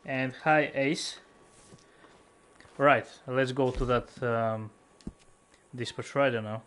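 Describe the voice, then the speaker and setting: A man in his forties is streaming a game live from home and talks into a headset mic. He reads his viewers' chat out loud and answers them in a relaxed way, chuckling often. His voice sits at an ordinary male pitch, with faint game sounds behind him. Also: slow pace, slight background noise. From lives in the United Kingdom. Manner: yelps and pleads when under attack in game. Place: home room.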